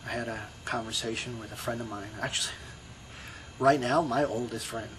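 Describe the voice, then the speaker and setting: With background noise behind him, a middle-aged Brooklyn-accented video blogger gives a rambling, reflective monologue, casual and riddled with you-knows and restarts. His voice is medium-pitched with fairly even intonation, at a normal speed.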